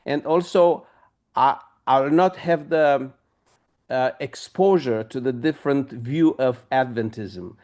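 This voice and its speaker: Speaking with a Romanian accent, this middle-aged pastor has a mid-range, slightly mellow male voice. At a discussion he poses a long question haltingly, with many pauses and fillers.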